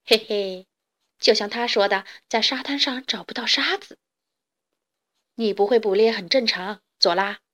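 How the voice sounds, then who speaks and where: A woman voicing boastful big brother fox cubs in a children's audiobook, with a sneering, loud, teasing manner. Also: a little high, measured pace. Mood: mocking.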